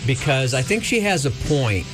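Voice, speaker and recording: A middle-aged man hosting a radio show in casual banter, haltingly searching for his words. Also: medium pitch, sing-song, over music. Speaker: morning radio show host.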